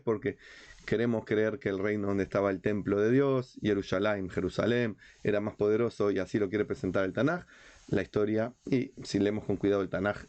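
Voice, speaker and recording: A Uruguayan rabbi with a Rioplatense accent teaches religious history in an informal, didactic lecture, emphatic and full of rhetorical questions and repetition. His voice is on the low side with a darkish tone, and the audio is dull.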